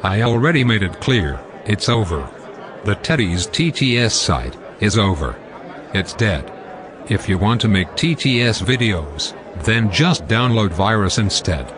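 A man's voice: on the low side, very animated, measured pace, a crowd in the background. A text-to-speech man voicing a blunt, rude government official. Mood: harsh. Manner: curt, insulting.

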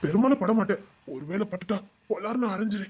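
A man's voice: high-pitched, expressive, quick pace, darkish tone, husky. A man playing a young husband who has just learned he will be a father, speaking in an emotional, tender way. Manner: emotional, tender, promises not to get angry. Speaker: new father. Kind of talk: family web series acting.

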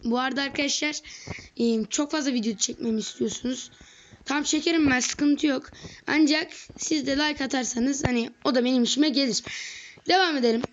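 A woman doing let's play commentary on a strategy game, excitable and slangy, often yelling at the game. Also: high voice, a little fast. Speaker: gaming video creator. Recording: lo-fi with faint noise.

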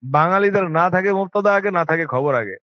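A man's voice: sits high, lively intonation, a little fast, dry recording. A man with a Bangladeshi Bengali accent giving an informal lecture on Arabic to students, emphatic and full of rhetorical questions. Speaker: Arabic language teacher. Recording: dull lo-fi dry sound.

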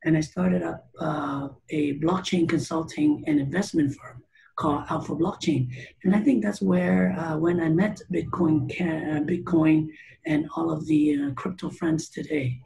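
Middle-aged founder from Canada, chatty guest, fairly high for a man, gravelly, heard through a webcam. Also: measured pace, a little mellow, low-quality recording. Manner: chatty, many fillers and restarts. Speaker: startup founder interviewed. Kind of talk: video call interview. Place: room with teal curtains. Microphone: video call webcam.

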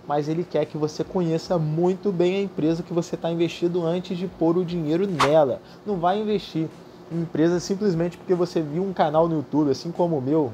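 A Brazilian man hosting a finance channel, reading a scripted list evenly and breaking into quick, chatty asides to viewers. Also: on the high side, noisy background. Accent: Brazilian Portuguese. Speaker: YouTube finance channel host.

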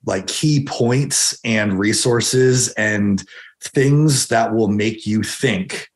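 A young man co-hosting a podcast, opening the show and talking enthusiastically, often repeating words as he goes, on a headset. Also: on the low side. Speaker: podcast co-host. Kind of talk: podcast intro and interview.

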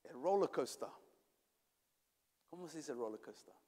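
A male pastor giving an animated sermon, sometimes slipping English words into his preaching. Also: on the high side, unhurried. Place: church hall. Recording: long church hall reverb.

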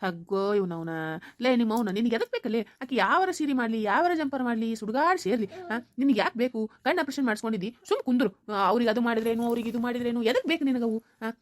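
A woman's voice: a little high, animated, quick pace, no room sound, lightly acted. A woman voicing an exasperated old grandfather who chides his wife, with a North Karnataka Kannada accent. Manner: exasperated, chiding.

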